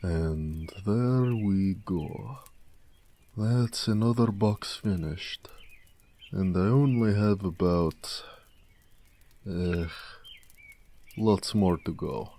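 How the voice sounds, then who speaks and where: In a romantic audio roleplay, a man voices a gentle, affectionate orc blacksmith, speaking tenderly with some teasing. His voice sits low and the delivery is heavily acted, with a musing, busy mood.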